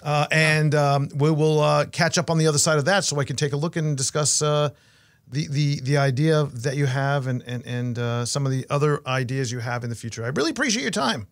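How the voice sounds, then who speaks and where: A man hosting a podcast, chatting with his guest in a friendly, brisk way. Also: a little high. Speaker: podcast host. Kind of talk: casual interview.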